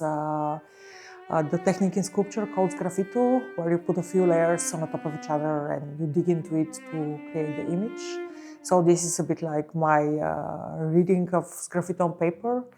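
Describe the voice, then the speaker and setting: A woman from Bulgaria, probably in her thirties, speaking as a visual artist in an interview, slow and searching, with many fillers and pauses. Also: low-pitched, a little mellow. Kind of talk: reflective interview talk.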